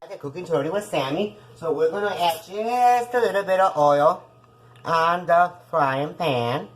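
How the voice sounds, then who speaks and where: Chatting with viewers she keeps calling "guys," a Puerto Rican woman hosts a casual cooking show in her kitchen. Spanish is her first language and she has a Puerto Rican accent; her voice is on the low side and she talks at normal speed.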